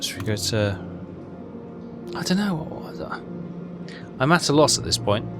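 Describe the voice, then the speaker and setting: With game music in the background, a male streamer mutters and second-guesses himself during a relaxed game walkthrough. He speaks at an ordinary pace in a mid-range, sing-song voice.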